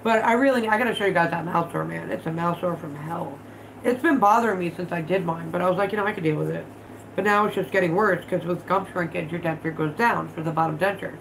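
This is a vlog host in her thirties streaming casually from her living room, allergy-congested and swearing without restraint as she talks plainly and works with her hands. She speaks quickly in a low, creaky voice, and the poor-quality audio has a little hiss or hum.

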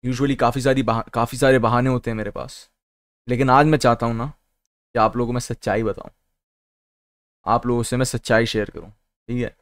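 A man's voice: mid-range voice, little pitch movement, brisk, pauses often, no room sound. A young man from Kolkata chatting casually on a live stream, joking around, swearing freely and slipping English phrases into his talk. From Kolkata, India. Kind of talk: casual livestream chat. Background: faint background music.

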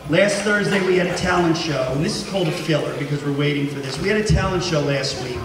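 A man with a slightly high voice hosts a school assembly in a joking, self-deprecating way. He is far from the mic in a very echoey gym. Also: quick pace. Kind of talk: announcing to a crowd with joking patter. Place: large indoor school gymnasium. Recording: very echoey gymnasium, distant mic, loud crowd noise.

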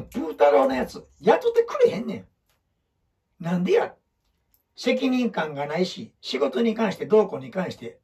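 A high-pitched, slightly mellow male voice belongs to a photographer with an Osaka Kansai accent giving life advice. He talks casually and bluntly at a whiteboard, rambling along and slipping into other voices for quotes.

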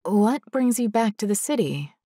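A woman's voice: medium pitch, animated, moderate pace, warm tone, close to an everyday voice. A woman voicing a guarded woman who keeps her former partner at a distance, speaking in a cool, clipped, distant way as a character in an audiobook story. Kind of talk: audiobook dialogue.

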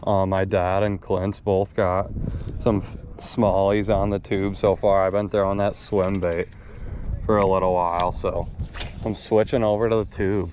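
A man's voice: low voice, a little slow, slight background noise. A man in his thirties talking casually and upbeat while fishing from a boat on a lake. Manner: relaxed, chatty, upbeat. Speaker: fishing vlogger. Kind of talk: casual on-the-water commentary. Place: boat on a large lake, outdoors.

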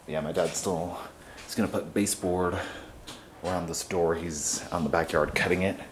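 A man's voice: low-pitched, steady tone, moderate pace. A young man giving a casual, rambling tour of his family's house, filming on a handheld camera with lots of fillers. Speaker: vlogger. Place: carpeted family house indoors. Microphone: handheld camera mic. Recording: noisy handheld camera audio.

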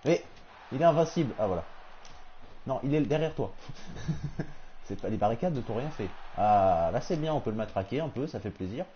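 A man giving casual live commentary on a wrestling game, talking excitedly to the opponent on screen. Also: lowish voice, moderate pace, a little hiss or hum. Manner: excitable, talks to the opponent, frequent exclamations. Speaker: gamer streaming a wrestling game. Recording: slightly dull lo-fi stream audio with faint game sound.

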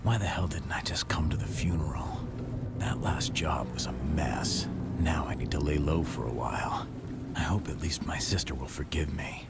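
A man's voice: extremely low pitch, normal speed, creaky, in a whisper, over loud music. An actor playing a short-tempered man with a shady job who snaps in anger and mutters his thoughts, in a video game. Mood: muttering. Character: guarded adult man, estranged son with a shady job.

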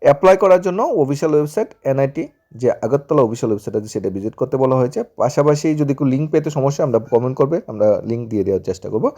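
Man, job-news presenter, rapid and dark-toned, rattles off listings with restarts. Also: medium pitch, animated. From Tripura, India. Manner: reads listings quickly with restarts and English terms mixed in. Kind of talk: casual job-news rundown.

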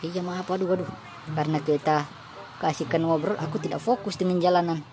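A woman voicing a reckless, carefree little cartoon boy in a lower, offhand voice. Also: fairly even intonation, brisk, lightly acted. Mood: breezy. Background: game music.

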